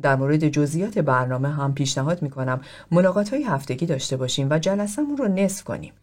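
A man's voice: fairly high pitch, lively intonation, lightly acted. A man reading the part of an aloof philosopher who talks in a formal, blunt, lecturing way.

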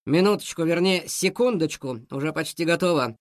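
A man's voice: a little high, fairly quick, no echo, studio quality, close to an everyday voice. A man voicing a bold, decisive male cat who leads the others. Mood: determined.

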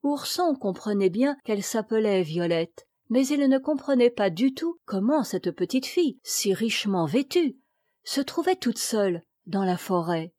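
A woman reading a classic children's story aloud in a measured storybook narration. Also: mid-range voice, lively intonation, mellow, dry recording, clean studio sound. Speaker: audiobook reader.

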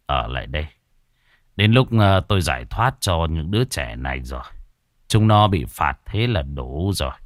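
A man voicing an old exorcist master who speaks calmly and gravely in a horror story. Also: a bass voice, normal speed, dry recording, studio quality, voice pushed down.

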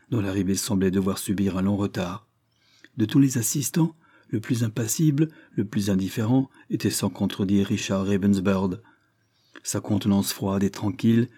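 Un homme lit un roman en narration posée, d'un ton égal. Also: male voice, fairly low pitch, dark tone, no echo, clean studio sound. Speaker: audiobook narrator. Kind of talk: scripted narration of a Victorian novel.

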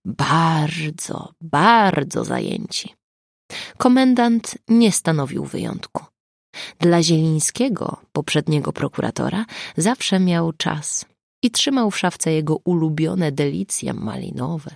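A woman reads a novel aloud as an audiobook with a wry, expressive delivery. Her voice sits low with a gravelly texture and moves lively up and down. The recording is close and dry. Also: takes it slowly, no room sound. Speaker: audiobook narrator. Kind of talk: scripted audiobook narration.

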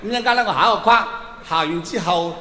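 A middle-aged Hong Kong Cantonese stand-up comedian speaks fast in a high, pushed, bright voice on a large indoor arena stage. Chatty and colloquial, he fires questions straight at the big crowd, heard through an echoey PA with long reverb and noise.

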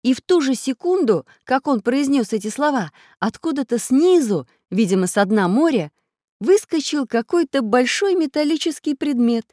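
A woman narrating a children's storybook, her voice swinging widely up and down to keep the tale lively. It sounds close-miked and dry, with no room around it. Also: sits high, moderate pace, no echo. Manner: animated, expressive reading.

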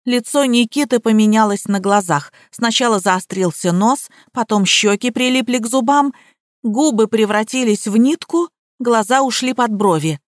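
A woman narrating an audiobook in a lively, expressive reading style. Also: a little high, normal speed, no echo, studio quality. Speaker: audiobook reader.

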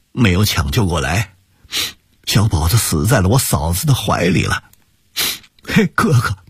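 A man's voice: on the low side, slightly rough, dry recording, studio quality, heavily acted. A man voicing a grieving younger brother who talks through tears. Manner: sobbing, broken pleading.

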